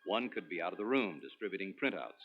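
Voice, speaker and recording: A man presenting a product demonstration in a scripted, instructional promotional narration with clearly structured delivery. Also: deep voice, expressive, fast, soft background music. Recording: dull lo-fi 1980s demo recording.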